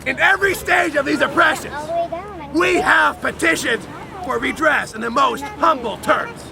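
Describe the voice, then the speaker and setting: A man giving a loud, dramatic, emphatic reading of a historical document outdoors, with deliberate phrasing. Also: very high-pitched, gravelly. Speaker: reader at an outdoor public reading. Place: outdoors on a lakeside beach. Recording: outdoor crowd and motorboat noise.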